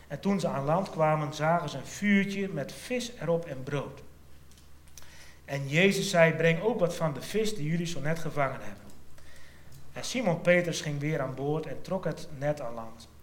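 Guy preaching, storytelling sermon, bit high voice, echoey room. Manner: storytelling, drops to a hush then lifts for quoted lines. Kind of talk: sermon retelling a Bible passage.

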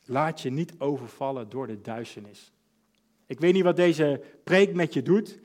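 A man in his thirties preaching a sermon, earnest, moving between hushed, intimate passages and emphatic urging. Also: fairly high pitch, unhurried. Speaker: pastor.

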